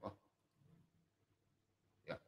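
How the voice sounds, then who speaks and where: A man giving casual online Bible teaching, joking and poking fun at himself, and reading verses slowly and drawn out. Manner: animated, joking, self-mocking. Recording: echoey room with long reverb.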